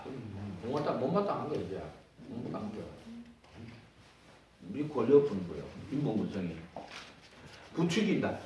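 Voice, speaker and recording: A man's voice: on the high side, a little hiss or hum. A man preaching a sermon to a congregation. He is emphatic and repeats phrases, and he leads the listeners in call-and-response. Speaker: pastor. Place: church sanctuary. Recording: very echoey church hall, distant mic.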